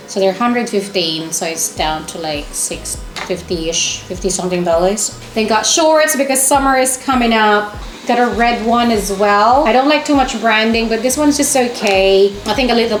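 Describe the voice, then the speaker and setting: Chatty woman vlogger in an echoey room. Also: medium pitch. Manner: chatty, enthusiastic, exclaiming over items. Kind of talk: casual chatty shopping haul to camera. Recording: echoey room with music underneath.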